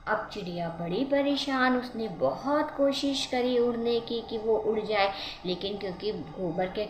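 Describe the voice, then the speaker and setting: Woman storyteller, telling a children's tale, expressive and unhurried, echoey room. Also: on the high side. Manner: warm, slow, expressive. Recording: roomy echo with faint ambient noise.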